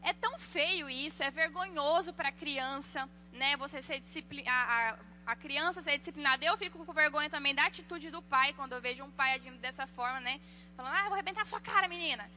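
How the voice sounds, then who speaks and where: Preaching on parenting, a church speaker tells lively personal stories and acts out the voices of the people in them. She talks fairly quickly in a high-pitched voice, over slight background noise.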